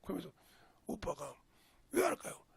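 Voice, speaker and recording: A man's voice: sits high, huge pitch swings, moderate pace, creaky. An older man with a Jeolla Korean accent, a pastor preaching a folksy, storytelling sermon with sudden emphatic rises. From Jeolla region, Korea.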